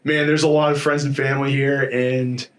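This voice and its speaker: A man speaking as a fighter in a casual post-fight interview, in an informal, rambling and animated storytelling way with slangy asides. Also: medium pitch, moderate pace, slight background noise. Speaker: MMA fighter being interviewed after a bout.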